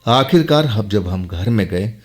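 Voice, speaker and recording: A man's voice: fairly low pitch, expressive, unhurried. A man telling a first-person horror story in a dramatic, emphatic way, with sudden jumps in his voice.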